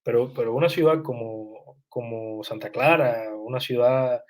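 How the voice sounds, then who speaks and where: A young man reflects slowly on his work as a writer. He often stops to restart a phrase and fills his pauses with "eh", as though searching for the right word. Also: medium pitch, a little mellow. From Cuba. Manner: thoughtful, hesitant, many restarts and "eh" fillers. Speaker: writer, interview guest. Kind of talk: reflective interview answers.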